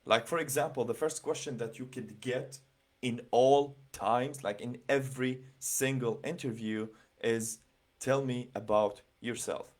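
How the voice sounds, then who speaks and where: A man's voice: mid-range voice, a little slow, darkish tone. Chatty man reading comments on a livestream. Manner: chatty, many fillers, reads comments aloud and reacts. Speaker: livestream host giving scholarship interview advice. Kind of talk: casual livestream talk reading viewer comments.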